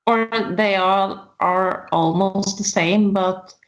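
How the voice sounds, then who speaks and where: A woman giving casual reaction commentary, halting and full of fillers. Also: medium pitch, steady tone, highs cut off.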